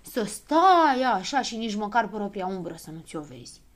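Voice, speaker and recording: A woman's voice: medium pitch, lightly acted. A woman voicing a gloomy, grumbling little male gnome in a storybook reading, drawing out his words. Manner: grumbling, drawn out.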